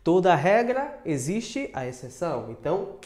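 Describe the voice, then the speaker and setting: A woman teaching English in an online video lesson. She repeats each word slowly and keeps adding short tag questions. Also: fairly low pitch, sing-song, darkish tone. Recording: roomy echo.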